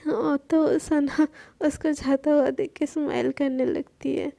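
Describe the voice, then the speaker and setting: A woman's voice: sits high, unhurried, creaky. A woman narrating a story in a plain, casual retelling. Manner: plain, even retelling with restarts.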